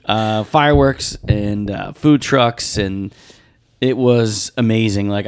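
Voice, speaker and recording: A man's voice: lowish voice, clean tone. A man co-hosting a podcast, chatting casually and telling a long story full of details. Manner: rambling storyteller, piles on details. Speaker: podcast co-host. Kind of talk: casual chat.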